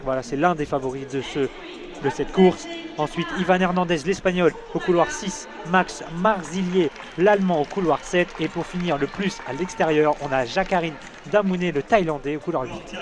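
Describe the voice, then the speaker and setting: A man co-commenting athletics live in audio description at a stadium, lively, calling out results and athlete lists. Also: on the high side, normal speed. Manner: lively, fluent summaries, shouts results. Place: outdoor stadium. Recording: stadium crowd behind commentary.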